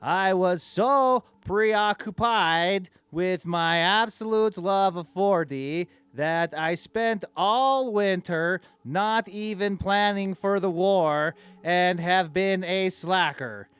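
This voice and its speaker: High, smooth-voiced vain tyrant king played by a man, oblivious and deadpan in comic fantasy audio diary. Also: takes it slowly, no room sound. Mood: self-satisfied, musing. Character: vain, childishly oblivious male dark-lord dictator king.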